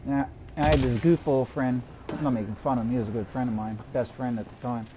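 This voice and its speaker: A gaming streamer gives live commentary on his game in a mid-range, medium-pitched voice, speaking quickly with a steady tone. He mutters to himself and drifts into rambling anecdotes, with game sounds and background noise clearly audible behind him.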